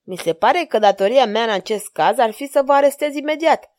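A woman's voice: fairly high pitch, lightly acted. Woman voicing a flirtatious courtly king. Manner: courtly, flattering. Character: gallant amorous male king, courtly and flirtatious.

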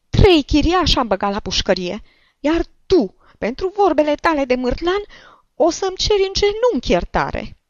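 A pushy old woman whines and scolds in a shrill, squeaky voice. Her pitch leaps wildly up and down, and the sound is close and dry. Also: no room sound. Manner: whining, indignant, loud. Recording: dull lo-fi recording.

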